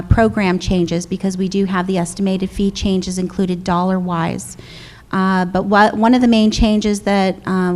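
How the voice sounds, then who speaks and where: A middle-aged woman, a controller, giving a businesslike budget presentation and taking audience questions, with frequent fillers and restarts. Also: mid-range voice.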